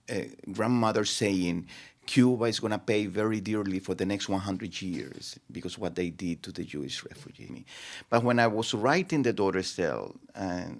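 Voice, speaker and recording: Author, male, low voice, second-language English, halting delivery. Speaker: author interviewed. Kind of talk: interview answers.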